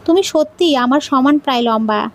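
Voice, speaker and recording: Woman reading a joking young husband, soft teasing tone, story narration. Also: high voice, normal speed. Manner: gently teasing.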